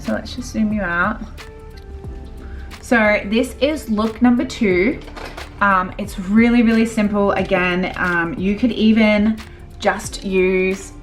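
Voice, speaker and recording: Woman, makeup tutorial, chatty, relaxed, lots of ums, faint music, camera mic. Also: medium pitch. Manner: chatty, filler-heavy, relaxed. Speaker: makeup artist.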